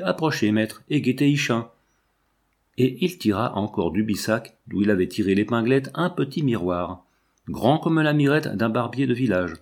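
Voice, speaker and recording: Man reading a classic novel, low-pitched, measured and steady. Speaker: audiobook narrator. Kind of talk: scripted literary narration.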